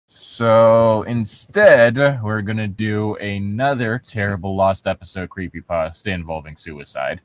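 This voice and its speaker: Sarcastic and incredulous, a male co-host reads out internet horror stories and riffs on them comedically, cursing now and then. He speaks a little slowly in a fairly low voice, with few pauses and no echo.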